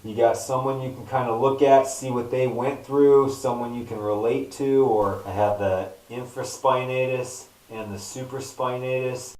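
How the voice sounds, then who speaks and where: A man's voice: mid-range voice, steady tone, normal speed, few pauses, darkish tone. Male vlogger, everyday conversational delivery in broken phrases, echoey distant sound. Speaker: vlogger recounting own surgery recovery. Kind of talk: casual first-person health vlog talk. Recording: roomy echo, distant microphone.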